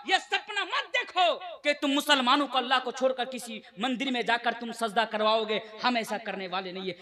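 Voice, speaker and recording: A man in his twenties from India preaching a sermon to a live gathering, declaiming with passion and calling on the crowd to respond. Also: sharp tone. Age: 20s. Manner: impassioned, high-pitched declamation with call-and-response to the crowd.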